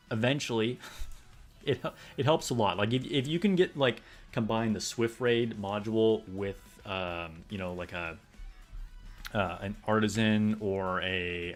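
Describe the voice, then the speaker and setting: A man streaming a game, chatting casually with viewers in a laid-back, rambling way full of fillers. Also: fairly low pitch. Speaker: gaming streamer. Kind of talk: casual live-stream chat.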